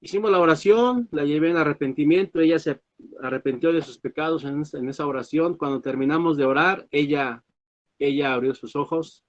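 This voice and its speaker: A man, a pastor, telling a personal story, halting with fillers and restarts. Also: on the high side, dull audio. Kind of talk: sermon testimony.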